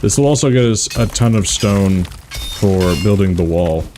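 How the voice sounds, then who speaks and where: A man's voice: fairly low pitch, unhurried, dark tone, slight background noise. A man chatting casually with a co-host while streaming a game, joking and laughing often. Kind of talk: casual gaming stream chat.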